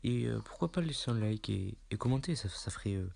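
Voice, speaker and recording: A man's voice: lowish voice, animated, a little fast, gravelly. A man hosting a casual top-ten voice-over, hesitant with many fillers and repeating himself. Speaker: YouTube channel host. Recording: music playing loudly underneath.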